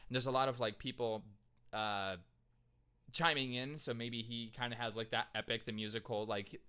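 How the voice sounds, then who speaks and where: A male composer giving excitable, casual reaction commentary on music, scatting rhythms out loud to explain them. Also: medium pitch, moderate pace, smooth.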